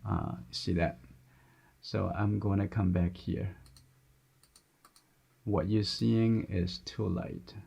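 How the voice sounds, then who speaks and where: Gentle, low gravelly male painting instructor. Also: steady tone, slow, pauses often. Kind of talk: step-by-step painting demonstration, unscripted.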